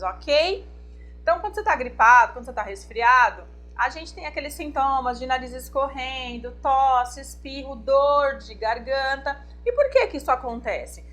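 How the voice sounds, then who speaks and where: A Brazilian woman who works as an infectious disease doctor speaks to camera in a high, fairly bright voice. She explains a medical condition in a didactic health talk, addressing viewers directly and checking in with them often.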